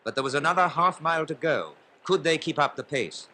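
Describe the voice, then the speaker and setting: A man narrates in the manner of an old newsreel, his voice set a little high and sharply bright. He calls the action formally and briskly, pressing harder as the race unfolds. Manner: brisk, formal, building excitement in play-by-play. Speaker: newsreel commentator.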